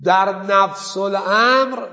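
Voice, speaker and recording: A man with a high voice gives a seminary lecture on Islamic law. He poses questions to the class and answers them himself. The sound is muffled and lo-fi, with a long reverb tail from a large hall. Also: bright, forceful tone. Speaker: seminary teacher.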